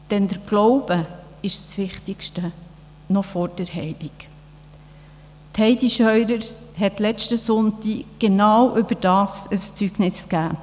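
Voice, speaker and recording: A woman preaches a sermon at an unhurried, deliberate pace. Her voice is of middling pitch and carries a long reverberation from a church hall. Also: a little mellow. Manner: slow, measured delivery.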